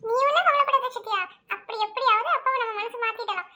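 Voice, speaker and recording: A woman doing a cheeky younger sister who teases and sulks at the dinner table. She talks quickly in a very high voice. It is a homemade family drama. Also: sharp tone. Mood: comforting. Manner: teasing, sulky complaints. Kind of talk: home family drama, one narrator voicing all roles.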